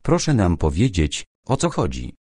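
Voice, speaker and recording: A man reading a firm, measured police inspector. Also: low-pitched, wildly swooping pitch, breathy edge, dry recording, clean studio sound, full character voice. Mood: gentle. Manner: measured, by turns gentle and sharp. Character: stern but courteous middle-aged male police inspector. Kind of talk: audiobook character reading.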